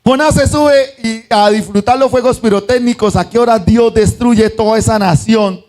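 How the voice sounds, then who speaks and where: Male pastor, high-pitched voice, animated sermon, acts out story voices. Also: normal speed. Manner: asks the congregation "¿sí o no?".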